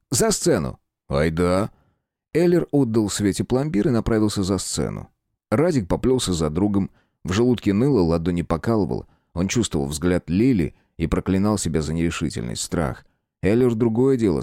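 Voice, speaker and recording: Low-voiced, expressive male storyteller. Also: brisk, dry recording, clean studio sound. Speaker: audiobook narrator. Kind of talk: scripted narration.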